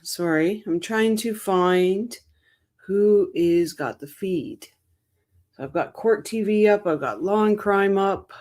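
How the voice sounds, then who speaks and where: A woman's voice: mid-range voice, slow pace, a little mellow. A woman hosting a casual livestream, greeting chat viewers by name with a tired morning voice. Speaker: livestream host.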